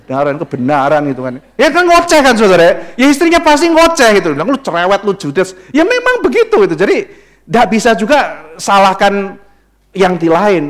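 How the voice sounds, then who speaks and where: A man preaching a sermon to his congregation in a conversational way, acting out quoted dialogue in shifting voices. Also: high voice. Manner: conversational, addresses the congregation as saudara. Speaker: pastor.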